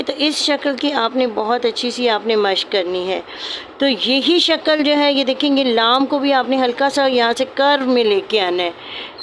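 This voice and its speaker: A woman gives a patient, step-by-step calligraphy lesson. Her voice sits a little high, and she often goes back over her points. Faint noise is audible behind her. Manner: patient, repeats points, calls students "beta". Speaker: calligraphy teacher.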